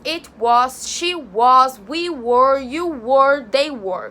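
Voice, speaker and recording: A young Brazilian woman with a high, bright voice runs a casual online English lesson. She talks in a chatty, loose way, checks in with her viewers often and drops the odd swear word. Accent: Brazilian Portuguese. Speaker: English teacher.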